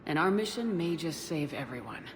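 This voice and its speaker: A woman's voice: deep voice, big pitch swings, normal speed, crowd noise. A woman playing a confident military commander in a video game, composed and direct with a dry wit. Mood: firm. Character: steady, wry female military commander, confident.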